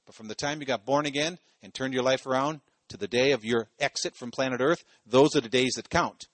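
A man from Ohio, USA preaches a sermon in a relaxed, conversational style, peppering it with "you know" asides and repeating phrases for emphasis. His voice is medium in pitch and fairly quick, with no echo.

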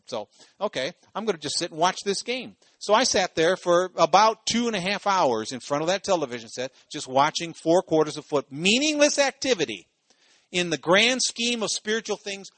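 A man's voice: on the high side, a bit bright, no room sound. A man from Ohio preaching a sermon in a loose, conversational way, full of "you know" asides and phrases repeated for emphasis. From Ohio, USA.

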